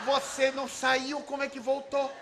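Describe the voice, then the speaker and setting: A man doing a cheeky high-voiced little boy. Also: monotone, moderate pace, noisy background. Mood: accusing. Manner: accusing, triumphant and high-pitched.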